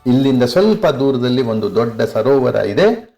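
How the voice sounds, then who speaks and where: A man's voice: medium pitch, sing-song, normal speed, creaky, mellow, soft background music. An older man voicing a proud, vengeful warrior king who boasts and vows revenge with rising emphasis. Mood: commanding. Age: 60s.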